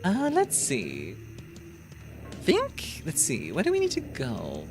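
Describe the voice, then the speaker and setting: A woman's voice: low voice, huge pitch swings, takes it slowly. A young woman streaming a video game, chatting casually and rambling with fillers and laughs. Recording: game music playing behind.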